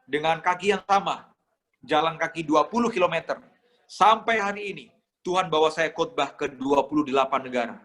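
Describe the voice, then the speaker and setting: A man's voice: a little high, a little fast, a bit bright. A young man from Indonesia preaching a sermon, telling stories with strong emotion and acting out pleading voices. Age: young adult. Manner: emotional, dramatic storytelling, acts out pleading voices. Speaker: pastor.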